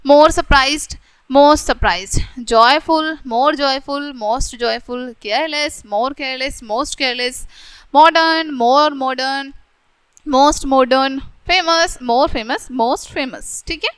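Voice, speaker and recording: A high-pitched woman teacher works through a grammar lesson, reading each rule slowly before explaining it in plainer words. Her voice is close and dry, with little room sound around it. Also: fairly bright tone, no echo. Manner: reads English rules slowly, then explains them in Hindi with frequent "theek hai". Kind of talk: classroom grammar lecture.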